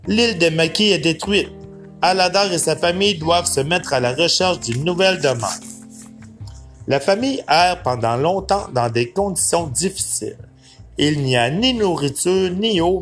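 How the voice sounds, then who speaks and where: A man narrating a children's storybook aloud in an expressive, dramatic way. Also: on the high side.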